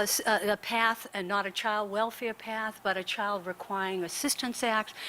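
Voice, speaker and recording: Woman speaking on a panel, rushing a bit, lots of restarts, slight hiss behind. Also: mid-range voice, a bit bright. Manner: earnest, rushed, with frequent restarts. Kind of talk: prepared panel speech. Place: conference room.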